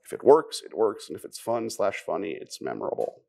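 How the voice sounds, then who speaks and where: A man's voice: lowish voice, big pitch swings, a little fast, vocal fry, a little mellow. Man giving a wry live tech talk. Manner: conversational, asks the audience questions, wry asides. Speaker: conference speaker. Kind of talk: live technical conference talk. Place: conference room before a live audience.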